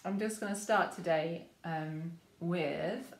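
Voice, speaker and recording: An English woman leading a memory choir through gentle vocal warm-ups, speaking softly and encouragingly with frequent ums. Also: lowish voice, takes it slowly, echoey room, slight background noise. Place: room at home with rain on the window.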